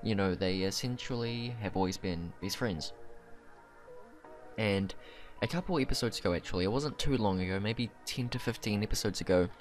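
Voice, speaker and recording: A man's voice: fairly low pitch, moderate pace, faint music behind. A man hosting a casual video commentary, thinking aloud and correcting himself as he speculates conversationally. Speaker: YouTube anime commentator and host.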